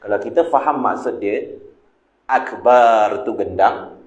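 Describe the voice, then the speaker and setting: Man, Malaysian Malay accent, mosque lecture, lowish voice, echoey hall, faint ambience. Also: lo-fi sound, background noise. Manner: lively, asks listeners questions and answers them himself; demonstrates sung and drawn-out recitations. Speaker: religious teacher. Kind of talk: mosque lecture on a religious text.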